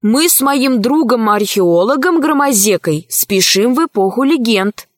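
A woman's voice: fairly high pitch, expressive, measured pace, no room sound, studio quality. A woman voicing a bold young girl in a storybook reading, frank and outspoken. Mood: earnest.

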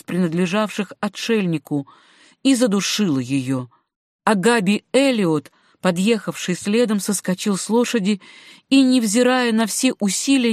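In clean studio sound without any echo, a medium-pitched woman narrates a classic novel for an audiobook. She tells the story in a steady, measured way.

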